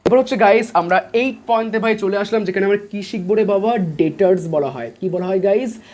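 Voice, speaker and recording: A man's voice: high-pitched, fairly quick, darkish tone. A man teaching commerce online. He talks casually, asks his students quiz questions and repeats each point before answering it himself. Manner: casual, chatty, calls students guys and brother. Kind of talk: online lesson.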